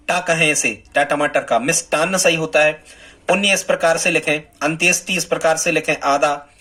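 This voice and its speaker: Bright-voiced man teaching. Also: fairly high pitch. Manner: repeats words, asks and answers himself. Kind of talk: Hindi grammar lesson.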